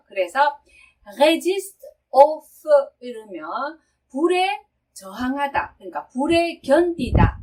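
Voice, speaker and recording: A woman's voice: on the high side, far from the mic, rough recording. Patient woman teaching French lyrics. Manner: patient, explains step by step, reads French slowly. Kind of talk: song lyric pronunciation lesson.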